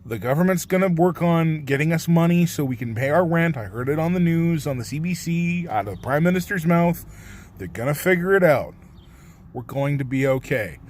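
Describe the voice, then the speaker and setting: A man's voice: on the high side, lively intonation, moderate pace, a little mellow, a little hiss or hum. A man talking earnestly to camera in a casual vlog, rambling and swearing a little as he reassures viewers. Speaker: vlogger.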